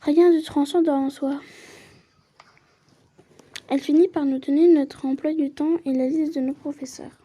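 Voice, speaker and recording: A warm, very mellow, high-pitched woman's voice, free of any edge, reads out a story game's first-person narration between chatty remarks. She holds a steady tone at a moderate pace with long pauses in this casual read-aloud playthrough.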